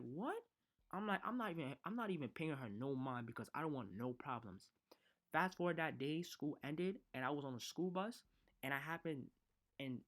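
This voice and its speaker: A man's voice: mid-range voice, a bit bright. A man tells a personal storytime in casual street slang. He rambles, restarts sentences and circles back as he goes. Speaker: vlogger.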